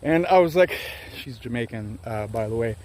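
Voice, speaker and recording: Slight background noise accompanies a medium-pitched, slightly mellow man with lively intonation and a moderate pace. He's an organic farmer in his thirties from Louisiana, filming himself outdoors at arm's length for a casual vlog, chatting candidly in a rambling, self-mocking way.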